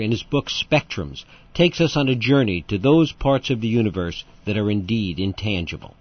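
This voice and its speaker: A male radio host with a mid-pitched voice, reading measured, scripted introductions before turning to his guest. The audio is a little muffled. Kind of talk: radio interview.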